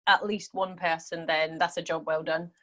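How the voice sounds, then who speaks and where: Guest: Scottish woman with a lowish voice, chatty and relaxed, telling her story in casual conversation. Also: normal speed, low-quality recording. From Scotland. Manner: chatty, laughs easily, speeds up when recounting. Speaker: podcast guest.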